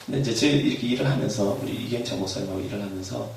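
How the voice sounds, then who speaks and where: A man preaching a sermon as pastor, animated, shouting refrains and laughing as he tells stories. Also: fairly low pitch, very fast, gravelly. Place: church hall. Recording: echoey hall, far from mic, faint noise.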